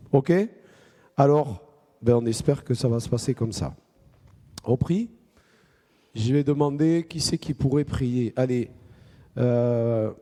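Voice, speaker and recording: A man's voice: medium pitch, dark tone. A man preaching a playful children's sermon, chatting with the kids and playacting a phone call. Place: church hall. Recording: reverberant church hall.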